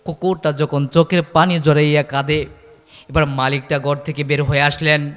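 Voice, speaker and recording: Chanting preacher in a ringing hall. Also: male voice, fairly high pitch, flat delivery, normal speed. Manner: chanted, repetitive storytelling with loud exclamations. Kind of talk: Bengali waz sermon storytelling.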